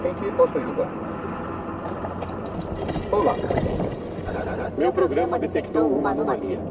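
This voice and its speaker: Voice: mid-range voice, huge pitch swings, a little slow. An actor playing a damaged service android in a video game, speaking with formal, programmed politeness. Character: damaged service android reciting its greeting and malfunction warning. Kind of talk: scripted video game voice acting. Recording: heavy noise behind, game ambience.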